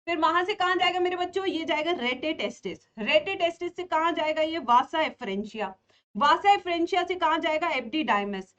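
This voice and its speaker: A woman teaching a biology revision class, animated and playful, constantly asking her students questions and answering them herself, with joking asides. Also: extremely high pitch, measured pace, lo-fi sound. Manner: playful, mixes in filmi jokes. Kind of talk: exam revision lecture.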